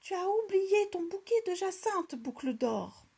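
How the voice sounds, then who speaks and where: A woman's voice: fairly high pitch, takes it slowly, creaky, a little mellow, husky, exaggerated voice. A woman voicing an indignant middle-sized bear in a storybook tale. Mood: calling out.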